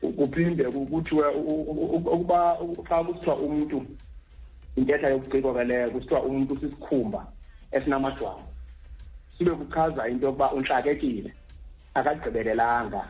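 Xhosa accent guy explaining on radio, talks fast, keeps restarting words. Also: medium pitch, fairly even intonation, a little mellow, dull audio. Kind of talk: conversational explanation.

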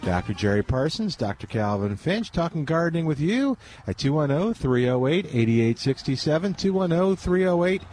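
Radio host, relaxed banter. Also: male voice, on the high side, normal speed, few pauses, faint music behind. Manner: relaxed, joking banter with guests. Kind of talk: casual radio chat. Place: garden nursery porch, outdoors. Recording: faint outdoor traffic noise.

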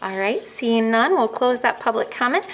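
An American woman with a fairly high voice chairs a formal public meeting. She speaks in procedural phrases to the room. There is noticeable noise in the recording. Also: animated, normal speed, fairly bright tone.

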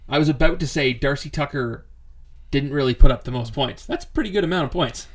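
A man co-hosting a sports podcast, opinionated and animated, laughing often in casual chat. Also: medium pitch, quick pace. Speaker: podcast co-host.

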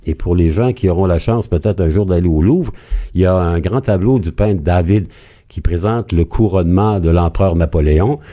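A man with a Quebec French accent, a historian guest telling history in a lively, expressive way on a radio interview. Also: normal speed. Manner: lively, expressive storyteller with wide pitch swings.

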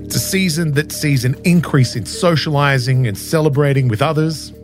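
A man with a hoarse, scratchy voice hosts a podcast in a conversational, narrated style. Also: a little high, normal speed, over music. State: hoarse, scratchy voice after flu. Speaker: podcast host.

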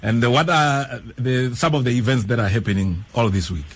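A man working as a radio interviewer, putting questions in a conversational, halting way. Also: mid-range voice, lively intonation, breathy edge.

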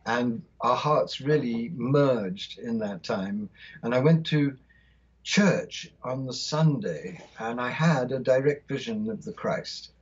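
A man's voice: mid-range voice, slow pace, husky, highs cut off. A man in his sixties from South India, telling a spiritual vision with fervent, rhythmic phrasing as an interview guest. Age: 60s. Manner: fervent, rhythmic, lingering on lists of words. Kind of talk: impassioned spiritual storytelling.

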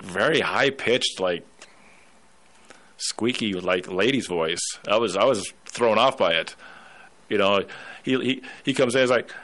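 Low-voiced man hosting a rambling radio talk show. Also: fairly bright tone. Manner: rambling, storytelling with put-on voices.

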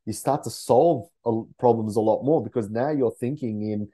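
A man's voice: mid-range voice, normal speed, warm tone. A man speaking as a memory coach guest in a casual podcast chat, earnest and rambling with many fillers.

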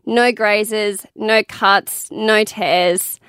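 A young woman shares her birth stories in a candid, casual way. She swears freely and breaks into quick laughs. Her voice sits at a middle pitch, recorded close and dry with no room sound. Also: fairly even intonation, fairly bright tone, clear, resonant tone, dry recording. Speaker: new mother sharing birth experiences.

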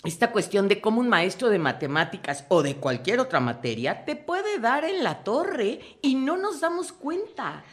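A woman with a Mexican accent, a guest commentator on a radio show, talking in a lively way and acting out short quoted scenes. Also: a little high, normal speed, hardly any pauses. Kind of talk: lively on-air talk.

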